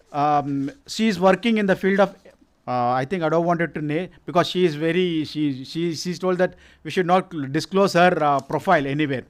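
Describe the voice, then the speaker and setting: Speaking English with a Kannada Indian accent, a man represents a science organisation and informally presents its activities. His voice sits high with a clean tone, and his delivery halts, self-corrects and repeats itself.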